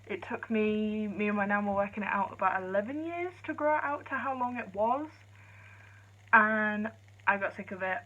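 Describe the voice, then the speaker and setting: A woman talks quietly and chattily to her vlog viewers, her thoughts rambling from one thing to the next. Her voice sits at an ordinary pitch. The sound comes through a phone camera and is dull and lo-fi. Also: normal speed. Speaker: vlogger. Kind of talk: casual vlog chat. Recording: lo-fi phone audio.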